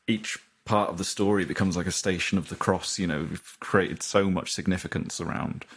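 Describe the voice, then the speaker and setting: A man hosting a podcast in casual chat, reflective, laughing easily and filling pauses with "you know". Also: sits low, steady tone, breathy edge. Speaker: podcast host.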